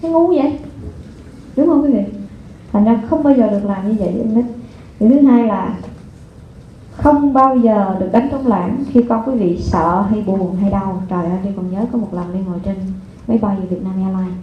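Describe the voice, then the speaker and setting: A woman giving a live parenting seminar, talking lively and constantly asking the audience rhetorical questions. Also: medium pitch, moderate pace. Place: lecture hall before an audience. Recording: echoey hall over a phone-like line, faint noise.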